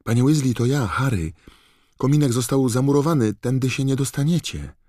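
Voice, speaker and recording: A man's voice: lowish voice, fairly even intonation, measured pace, darkish tone, dry recording, studio quality, voice pushed up. Man doing an earnest teenage boy. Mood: calling out. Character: young teenage boy, polite, holding back laughter. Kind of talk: audiobook character voice.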